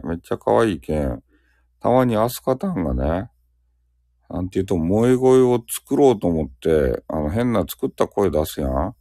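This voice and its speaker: A man speaking in a Fukuoka dialect drifts from one topic to the next on a relaxed solo live stream and jokes about himself as he goes. His voice sits extremely low, with a gravelly creak and a dark, mellow tone. The sound is dry and close, with no room echo. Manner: rambling, joking, self-mocking. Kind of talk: casual solo live chat.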